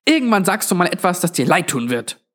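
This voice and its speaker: A man's voice: sits high, sing-song, fairly quick, a bit bright, voice pushed up, exaggerated voice. A man voicing a stern, snappish old woman who runs a lonely motel, hissing and scolding.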